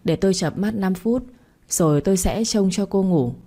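A woman voicing a cold, possessive young male doctor who talks in short, calm lines. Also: mid-range voice, moderate pace, natural voice. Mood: cold, curt.

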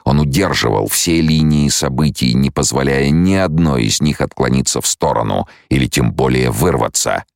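A man narrating an audiobook in an extremely low, gravelly voice. He reads in an even, measured way, close to the mic. The recording is dry, without any room sound. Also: no echo.

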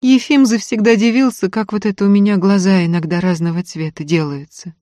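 A woman's voice: medium pitch, fairly even intonation, fairly quick, warm tone, no echo, clean studio sound, voice pushed up, close to an everyday voice. A woman voicing a tearful, self-blaming young peasant woman who talks in plaintive, folksy village speech. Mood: sad, pleading.

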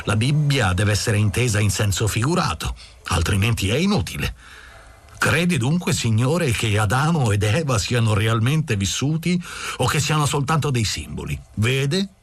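A man voicing a pompous, self-righteous baker who speaks slowly and gravely, with a husky voice. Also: medium pitch, big pitch swings, no room sound. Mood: stern, accusing. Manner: slow, grave, sanctimonious.

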